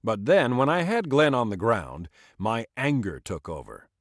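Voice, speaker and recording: A man's voice: medium pitch, very animated, unhurried, dry recording, studio quality. A man narrating an audiobook in scripted style, voicing the dialogue with small shifts for each character.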